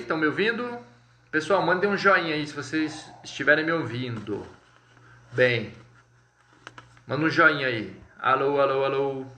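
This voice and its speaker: A man with a Brazilian Portuguese accent teaching a live online French lesson, explaining step by step, checking in often with viewers and saying French words slowly and clearly. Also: fairly high pitch, sharp tone. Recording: echoey room.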